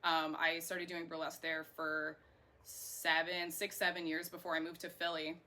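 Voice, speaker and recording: A low, completely flat, sharp-toned voice at normal speed belongs to a woman in her thirties from Florida. She's a singer and burlesque performer rambling chattily through a casual interview, with background noise clearly present.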